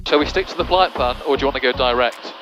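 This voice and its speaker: A man's voice: medium pitch, fast talker, background noise. A man flying as pilot, chatting casually and running checks over a cockpit intercom headset. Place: small aircraft cockpit in flight.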